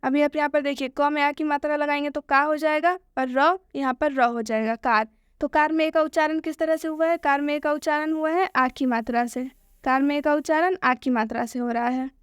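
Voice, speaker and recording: A woman with a high voice teaches pronunciation. She asks a question, answers it herself, and repeats each point. The recording is dry and close. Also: steady tone, brisk, dry recording. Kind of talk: explanatory lesson.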